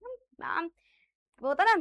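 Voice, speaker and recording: A woman's voice: very high voice, sing-song, a little slow, fairly bright tone. A woman teaching an online chemistry class in a playful, teasing way, quizzing her students as she goes.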